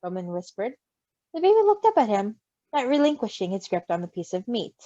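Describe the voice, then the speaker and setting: This story reader has a slightly high voice and a fairly quick pace, delivering fan fiction expressively and gushing with casual, giggly asides. There's no room sound, and the close recording comes across dull and lo-fi.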